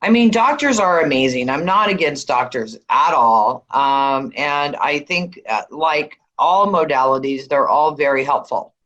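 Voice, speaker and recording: A woman's voice: sits low, animated, unhurried, few pauses, a bit bright, dull audio. A woman hosting a spiritual healing session on a video call, soothing and affectionate, calling callers honey.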